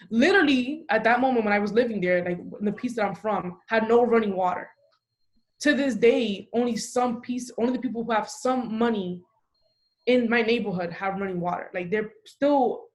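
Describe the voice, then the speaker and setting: A young woman from the Dominican Republic, talking casually on a podcast, emphatic and full of "like" fillers. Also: on the high side. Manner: talkative, frequent "like" fillers, emphatic. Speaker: podcast host.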